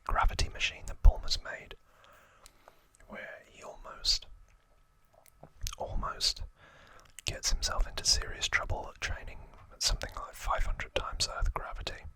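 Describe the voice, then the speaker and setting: In a low-quality recording, a man whispers in breathy ASMR style with a very bright, crisp edge. Acting as a host guiding the listener, he slowly and deliberately retells trivia that feels scripted, with asides, pausing between short hushed phrases.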